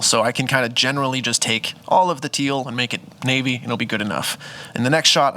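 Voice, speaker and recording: A man's voice: medium pitch, sharp tone. A man, a photographer, walking through his photo edits in a casual, chatty tutorial, thinking aloud and correcting himself as he goes. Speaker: photographer teaching photo editing. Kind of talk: casual screen-recorded editing tutorial.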